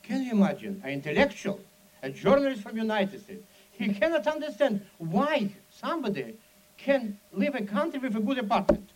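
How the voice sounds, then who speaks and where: This event speaker, a man from the Soviet Union, recounts his story in halting non-native English with a Russian accent. His very high voice keeps a normal speed, full of dramatic flair and forceful asides, captured on a low-quality recording.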